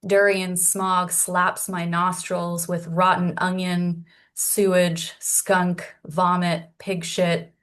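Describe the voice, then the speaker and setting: A woman from Canada with a Canadian accent, reading her poem slowly and evenly over a remote call. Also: fairly low pitch, little pitch movement, fairly bright tone. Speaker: poet. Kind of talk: poetry reading.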